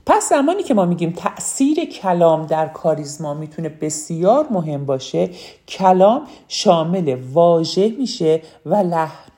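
A woman gives an instructional talk on speaking well, her voice low-pitched and mellow. She talks earnestly, often saying a key phrase twice to drive it home. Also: animated. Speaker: speaking coach.

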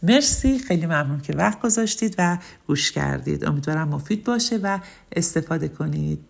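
A woman's voice: low voice, expressive, vocal fry. A woman teaching an online lesson on public speaking in a friendly, chatty way, with fillers and frequent laughs. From Ramsar, Iran.

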